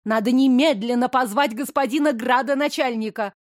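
A woman voicing a spiteful young blonde court lady who makes shrill, indignant accusations in an audiobook. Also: normal speed, dry recording, clean studio sound, natural voice. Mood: spiteful accusing.

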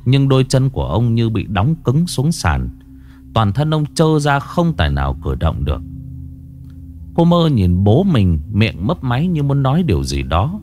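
A man narrating a scripted ghost story in a dramatic, expressive reading. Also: mid-range voice, moderate pace.

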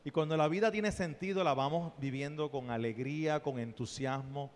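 A man preaching a sermon, playful and animated, dropping to soft asides and then rising to loud exclamations. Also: fairly high pitch, normal speed. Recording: long reverb of a church hall.

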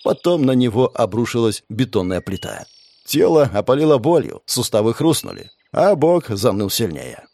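A man narrating an audiobook in an expressive, lively storytelling manner. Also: mid-range voice, normal speed. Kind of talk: scripted narration.

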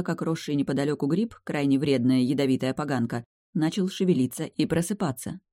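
Expressive woman reading a fantasy audiobook. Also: sits low, no echo, studio quality. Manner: lively, expressive. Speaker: audiobook narrator. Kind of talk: first-person fantasy narration.

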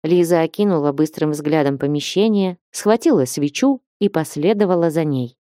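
A woman narrates an audiobook in an even, measured way. Her voice is low and mellow. The recording is dry and close, with no room sound. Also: no room sound. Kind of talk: scripted narration.

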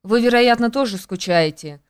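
A woman's voice: fairly high pitch, normal speed, clear, resonant tone, close to an everyday voice. A woman reading an audiobook, voicing a haughty, bored young countess who talks in a careless, mocking way.

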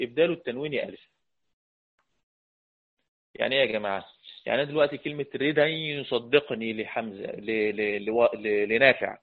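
A man with an Egyptian Arabic accent teaching a lecture on Quran recitation, talking conversationally, putting questions to the class and chanting verses slowly. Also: medium pitch. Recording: tinny phone-like audio.

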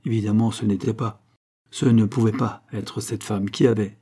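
A man reading a classic novel aloud as an audiobook narrator, in a steady, measured way. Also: lowish voice, breathy edge. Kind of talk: scripted narration.

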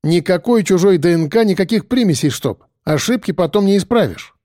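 A man's voice: sits high, animated, a little fast, warm tone, no room sound, clean studio sound, voice pushed up. A man doing a grumbling forensic expert. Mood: calling out. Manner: grumbling, matter-of-fact.

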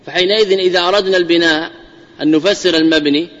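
A man delivers a grammar lesson as a sheikh, his voice sitting a bit high. He speaks deliberately, circling back to restate each definition. The recording is muffled and lo-fi, with a long reverb tail. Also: steady tone, fairly bright tone. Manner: deliberate, repeats key phrases, restates definitions. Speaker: sheikh teaching Arabic grammar. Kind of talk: classical Arabic grammar lesson. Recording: muffled lo-fi lecture audio with long hall reverb.

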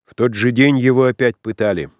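Male audiobook narrator, measured dramatic reading, mid pitch, dry close sound. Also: no room sound.

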